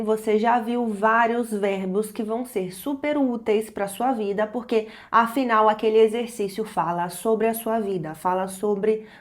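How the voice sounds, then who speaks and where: A woman in her twenties from Brazil, teaching an online language lesson and slowing down to stress each example phrase. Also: medium pitch, a little mellow. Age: 20s.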